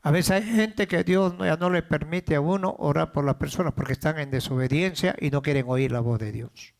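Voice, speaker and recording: A man's voice: a little high, brisk, creaky. A man preaching a sermon as pastor of a church, repeating words as he builds up and calling out questions to the congregation.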